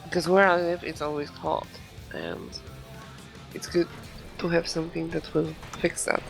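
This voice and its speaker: Stuffy-nosed man with a creaky voice. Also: fairly high pitch, flat delivery, faint music behind. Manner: halting, repeats himself. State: stuffy nose, morning voice. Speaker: game server player. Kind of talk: casual voice chat.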